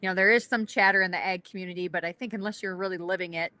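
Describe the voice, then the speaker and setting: A woman's voice: fairly low pitch, fairly even intonation, rapid-fire, pushed and bright, dry recording. A woman with a South Dakota accent hosting a casual podcast interview in an upbeat, chatty way. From South Dakota, USA.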